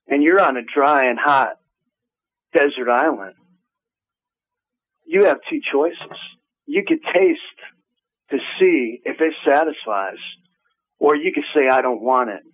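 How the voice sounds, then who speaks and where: A man calling in to a radio show over a phone line, preaching insistently at the hosts. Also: a little high. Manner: preachy, evangelizing. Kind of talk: phone-in call.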